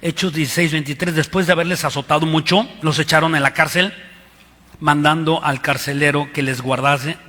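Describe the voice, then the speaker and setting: A man's voice: fairly high pitch, fairly even intonation, brisk, sharp tone. A man with a Mexican accent preaching a sermon as pastor, emphatic and repeating his key lines. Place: church hall. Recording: reverberant church hall.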